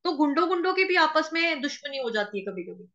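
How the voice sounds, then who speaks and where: A woman teaching how to recite a Sanskrit verse, chanting each word slowly and drawn out, then spelling out letters and vowel marks one by one. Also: high-pitched, expressive, bright, forceful tone, highs cut off. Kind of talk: slow syllable-by-syllable chanting lesson.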